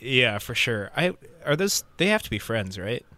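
A man's voice: mid-range voice, very animated, moderate pace, sharp tone, no echo. Man, podcast host, casual chat, easygoing, laughs often, short replies.

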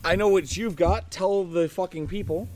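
A man's voice: sits high, normal speed, background noise. A man hosting a casual podcast outdoors, joking and swearing through crude banter with friends. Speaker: podcast host. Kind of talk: casual chat.

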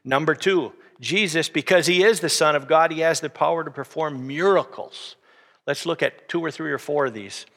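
A man's voice: on the high side, moderate pace, a bit bright, big-room sound. A man preaching a sermon as pastor, teaching steadily and then rising to emphatic preaching.

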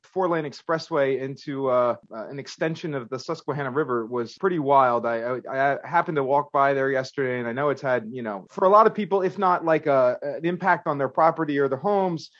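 A man's voice: medium pitch, a little fast, few pauses, fairly bright tone, no echo, muffled recording. A man hosting a podcast, moving between prepared remarks and conversation. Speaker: podcast host. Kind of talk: podcast hosting, scripted opening and chat.

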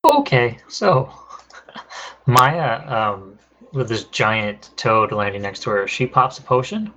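A man's voice: mid-range voice, sing-song, slow, sharp tone, rough recording. A man narrating a tabletop game as game master, talking loosely with fillers.

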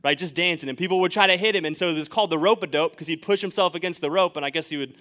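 Man, preaching sermon, repeated rhetorical questions, fairly high voice. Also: very fast, bright, forceful tone. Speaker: pastor. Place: church sanctuary.

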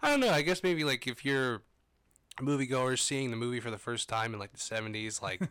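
A man's voice: mid-range voice, expressive, fairly quick, fairly bright tone, smooth, no room sound, studio quality. A man co-hosting a podcast, chatting casually and conversationally about films and shows, rambling with frequent asides. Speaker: podcast co-host. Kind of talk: casual film and TV fan chat.

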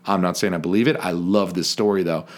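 Podcast guy, lowish voice, slow deliberate mock-serious talk, swears casually. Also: steady tone. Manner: measured, mock-formal delivery with casual swearing. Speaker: podcast co-host.

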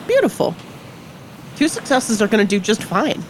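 A woman's voice: mid-range voice, very animated, moderate pace, slight background noise, low-quality recording. A woman narrating a tabletop role-playing game as game master, with dramatic, descriptive storytelling.

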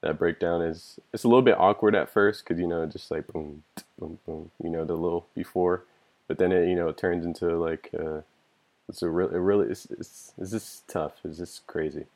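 A man's voice: low-pitched, steady tone, fairly quick, a little mellow. A man guest on a music podcast, talking loosely and enthusiastically, swearing casually and filling speech with "like" and "you know.".

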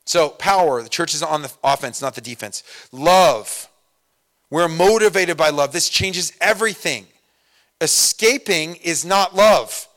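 Guy preaching, kinda high voice, chatty and loose, gets loud then drops soft. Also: expressive, a little slow. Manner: conversational preaching, many fillers and asides; swings from loud emphasis to soft storytelling. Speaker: pastor. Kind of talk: sermon.

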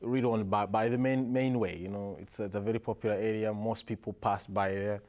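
A man's voice: lowish voice, brisk. Man from Rwanda telling stories. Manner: relaxed storytelling with frequent restarts and soft laughs. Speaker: guest. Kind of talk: casual interview conversation.

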